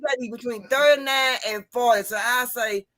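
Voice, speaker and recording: A woman's voice: a little high, brisk, a loud crowd. A woman hosting a live call-in talk show, teasing her callers and repeating phrases as she jokes. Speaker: host. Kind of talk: casual chat.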